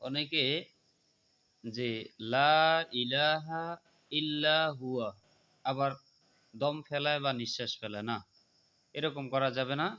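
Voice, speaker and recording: A man teaching Quran recitation, explaining pronunciation calmly and then chanting the verses slowly and melodically. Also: mid-range voice. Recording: muffled lo-fi recording.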